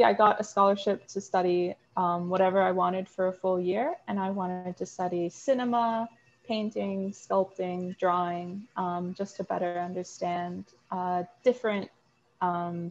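A woman's voice: lowish voice, steady tone, unhurried. Earnest young woman student, lo-fi call. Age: 20s. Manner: earnest, explains with many "um"s. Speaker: guest, marine biology student. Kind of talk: interview answers.

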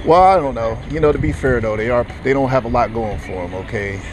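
A man's voice: mid-range voice, brisk, background noise. A man ranting angrily and cursing as he walks outdoors, recording on his phone. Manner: angry, cursing, repetitive ranting. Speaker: vlogger. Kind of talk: profane walking rant to phone camera. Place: outdoors in a parking lot. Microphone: phone held while walking.

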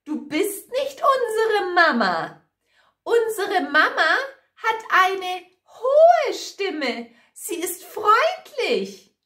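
Woman doing squeaky defiant little goat kids. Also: wildly swooping pitch, drawn-out words, heavily acted. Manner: high, loud and insistent. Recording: echoey room.

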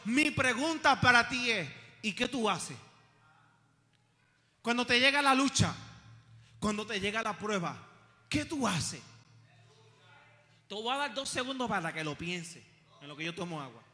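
High bright-voiced pastor preaching. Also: male voice, expressive, unhurried, long pauses, long reverb tail. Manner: impassioned preaching with rhetorical questions and humorous asides. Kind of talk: sermon. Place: church sanctuary.

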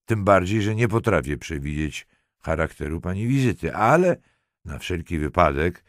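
This is a self-assured police lieutenant from a crime audiobook, voiced by a male reader. He has a low voice with lively pitch. He speaks in dry, ironic jabs. The recording is close and dry. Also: normal speed, dry recording. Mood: wry.

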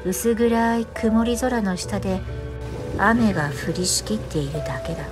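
A woman reading a scripted first-person ghost story in a hushed, eerie storytelling manner. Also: medium pitch. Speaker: horror story narrator. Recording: music and rain under the voice. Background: music, rain.

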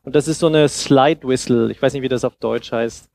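A man in his thirties, a sound designer, speaks German on a headset mic at an indoor festival stage with a couch. His mid-range, darkish voice, with vocal fry and normal speed, delivers a conversational, explanatory informal lecture that takes audience questions.

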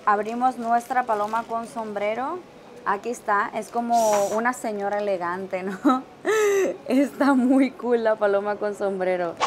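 A chatty, excitable woman gives casual vlog commentary, her voice sitting a little high. She laughs often as she talks. A busy capsule-toy shop fills the background with loud ambient noise. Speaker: travel vlogger.

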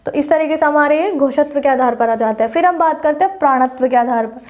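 A woman's voice: high-pitched, brisk, a little mellow. A young woman giving a Hindi grammar lesson, reciting the consonants one by one and explaining each point step by step, correcting her own slips as she goes. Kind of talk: classroom lecture.

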